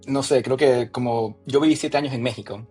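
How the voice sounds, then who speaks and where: A man in his thirties from Ecuador, a podcast guest telling his story in relaxed casual conversation with frequent fillers. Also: medium pitch, a little fast, breathy edge, faint music behind.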